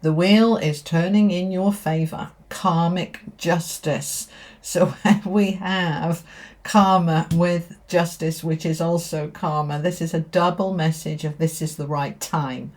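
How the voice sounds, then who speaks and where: A woman's voice: on the low side, steady tone, slow pace, a little mellow. A woman giving a tarot reading straight to viewers, speaking in an emphatic, affirming way and repeating key phrases. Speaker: tarot reader.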